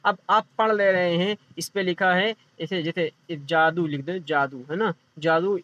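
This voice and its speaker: High-voiced man teaching an exam class. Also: fairly even intonation, fairly bright tone, dry recording, lo-fi sound. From India. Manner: repeats each point, asks and answers his own questions. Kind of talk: exam-prep lecture.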